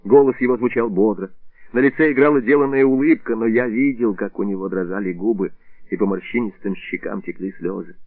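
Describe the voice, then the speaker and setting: A man reading a story in calm, measured narration. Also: fairly low pitch, no echo. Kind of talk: audiobook reading. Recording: tinny narrowband radio, dry.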